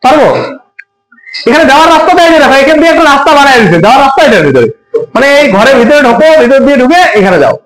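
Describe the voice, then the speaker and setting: A man teaches a computer class in a very high voice, chatting casually and firing questions at the students. His voice bounces around an echoey room. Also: big pitch swings, racing, fairly bright tone. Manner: colloquial, asks students questions often. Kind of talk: classroom lesson with everyday examples.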